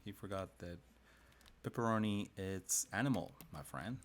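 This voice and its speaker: Sketching a comic live, the design video host speaks with a low voice at a moderate pace over slight background noise. He's a chatty illustrator who wanders a little in his talk and frequently starts over.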